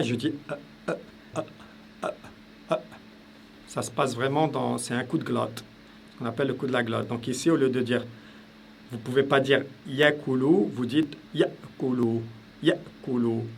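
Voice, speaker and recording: Man, language teacher, gravelly voice, faint background hiss. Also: mid-range voice. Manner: explains step by step, repeats sounds aloud, frequent hesitations. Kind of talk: casual spoken lesson.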